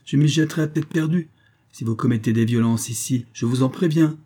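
A man's voice: mid-range voice, fairly quick, mellow, voice pushed up, lightly acted. A man reading the part of a stubborn, peevish magistrate husband, curt and indignant, in an audiobook.

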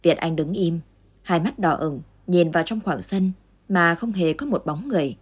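A woman narrates a ghost story in a low, husky voice. Her reading is steady and dramatic. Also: normal speed.

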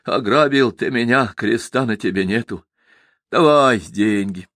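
A man's voice: mid-range voice, unhurried, fairly bright tone, no echo, clean studio sound. A man voicing a poor village peasant who haggles and grumbles in rustic speech. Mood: haggling.

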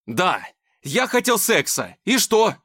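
A man playing a desperate young firefighter who shouts and pleads. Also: high-pitched, very animated, takes it slowly, voice pushed up, exaggerated voice. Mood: shouting.

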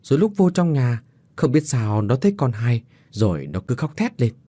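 A man's voice: medium pitch, big pitch swings, moderate pace, mellow, no room sound, studio quality. A man playing a young uncle, uneasy but protective, who speaks in a reassuring, tense way.

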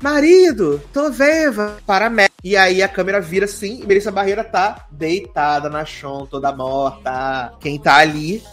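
A man's voice: fairly high pitch, moderate pace, hardly any pauses, faint music behind. A man with a Brazilian accent, a podcast co-host chatting casually and retelling a film plot, acting out the characters' lines and adding sound effects. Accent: Brazilian Portuguese. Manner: animated storyteller, acts out the characters' lines and makes sound effects.

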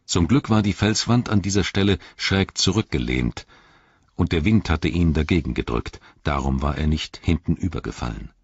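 Low husky male audiobook narrator, measured and dramatic, dry and dull sound. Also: expressive, no room sound. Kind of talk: scripted narration.

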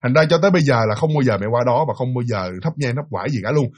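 A man with a Southern Vietnamese accent, hoarse from a cold, telling a story to his listeners in a chatty, casual way. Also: medium pitch, animated, quick pace. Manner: chatty, addresses listeners directly, many fillers. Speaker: storyteller and channel host.

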